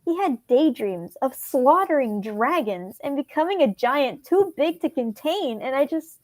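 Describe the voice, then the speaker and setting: A woman's voice: high-pitched, very animated, a little slow, dry recording. A woman reading as a worried teenage boy. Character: worried teenage boy confiding about a friend. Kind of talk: reading a fan script aloud on stream.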